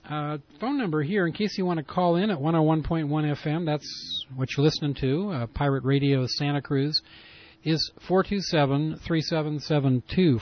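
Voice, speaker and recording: A man hosting a pirate radio broadcast in casual, rambling talk full of fillers, with a lo-fi broadcast sound. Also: fairly high pitch. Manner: rambling, loose delivery with many fillers. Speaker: radio show host.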